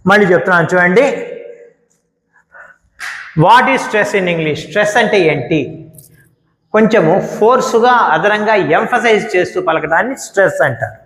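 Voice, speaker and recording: High-voiced man teaching in an echoey room. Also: fairly bright tone. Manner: explains slowly, repeats example words, switches to English terms. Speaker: English teacher. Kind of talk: spoken grammar lesson. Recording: echoey room with long reverb.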